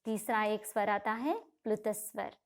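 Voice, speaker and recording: A woman teaching a grammar lesson to children, asking questions and answering them herself, and drawing out each example slowly. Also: medium pitch, steady tone.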